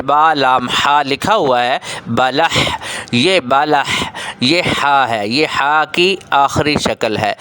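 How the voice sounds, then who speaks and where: Bright, clear-voiced male Quran teacher. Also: mid-range voice. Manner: patient, repeats each point and quizzes the children. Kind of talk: children's Quran reading lesson.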